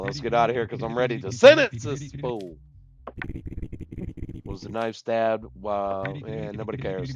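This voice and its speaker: A man's voice: fairly low pitch, dull audio, background noise. Joking man streaming a judge game. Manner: loud, joking, swears freely, mock-judge pronouncements. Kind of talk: casual gaming commentary.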